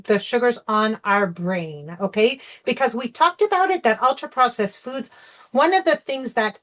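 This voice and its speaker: A sugar-free recovery coach leads an online workshop over a video call, speaking conversationally and checking in with "okay?" and "you know". Her voice is fairly high and fairly bright, heard through a video call microphone.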